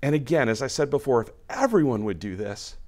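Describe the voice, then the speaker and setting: A man preaching a sermon in a conversational way, often restarting his sentences and acting out little everyday scenes in quick voiced asides. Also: medium pitch, expressive, darkish tone. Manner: frequent restarts and repeated words. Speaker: pastor.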